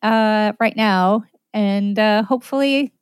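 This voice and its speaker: A woman magazine editor as interview guest, laughing often and pausing with fillers. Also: mid-range voice, clean tone, no echo. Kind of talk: casual interview.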